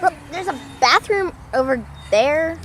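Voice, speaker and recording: A teenage girl vlogging at a city park, talking slowly with lots of hesitant ums. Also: sits high, animated, fairly bright tone. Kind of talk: casual vlog chat. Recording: noisy outdoor handheld recording. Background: birds, traffic and outdoor noise.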